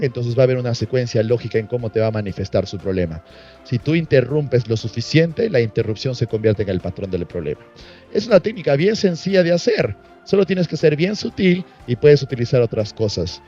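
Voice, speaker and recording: A man leads a workshop and acts out conversations with a client as he teaches. His voice is dark and mellow. The recording sounds muffled, with faint music behind him. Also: mid-range voice. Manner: storytelling, acting out client dialogue. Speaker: NLP trainer.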